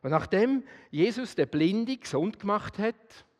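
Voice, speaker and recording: A man with a Swiss German accent preaching a sermon, swinging between loud emphasis and quiet, intimate address. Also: high voice, expressive, a little slow, in a large hall.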